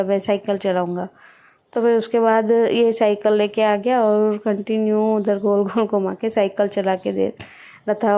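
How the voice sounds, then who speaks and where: A woman's voice: on the high side, dark tone. A woman, chatting casually through her home routine and explaining each step. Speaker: vlogger. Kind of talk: casual home vlog narration.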